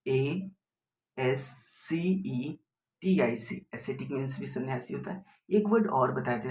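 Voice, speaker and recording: A man's voice: medium pitch, darkish tone, a little hiss or hum. A man with an Indian accent teaching an exam-prep vocabulary lesson, explaining patiently, asking rhetorical questions and spelling words out letter by letter.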